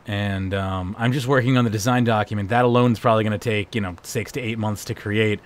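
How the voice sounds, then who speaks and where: A man with a hoarse voice, hosting and wrapping up a livestream in a casual, rambling way. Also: on the low side, fairly even intonation, a little fast. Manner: rambling, laid-back. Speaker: livestream host. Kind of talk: casual stream sign-off chat.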